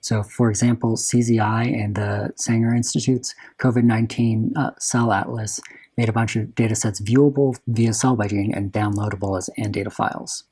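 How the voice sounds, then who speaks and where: A man with a slightly husky voice giving a technical lightning talk as a software developer, often restarting and correcting his phrases. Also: fairly low pitch, steady tone, moderate pace.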